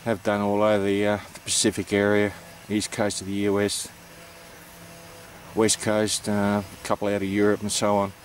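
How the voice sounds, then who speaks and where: An Australian man talks through practical details in a low voice with very little melody. He is unscripted and hesitant, explaining things in a plain, matter-of-fact way. There is some noise behind him. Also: monotone, moderate pace. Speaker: amateur radio operator presenting. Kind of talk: informal explanatory vlog.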